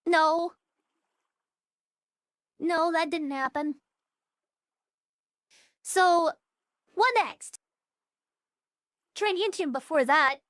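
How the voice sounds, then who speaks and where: Speaking very slowly with long pauses, this young female streamer has a very high, slightly bright voice. She's a VTuber in casual livestream chat, running a voice changer turned down to sound more natural while she talks bluntly, profanely and all over the place. The studio audio is clean, with no room sound.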